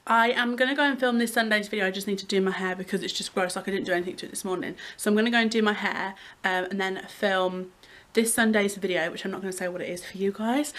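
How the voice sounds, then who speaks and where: A young woman films a casual vlog at home on a handheld camera. She rambles cheerfully from one thing to the next, giggly and chatty. Her voice sits at an ordinary middle pitch. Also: fairly bright tone. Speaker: vlogger. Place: at home indoors.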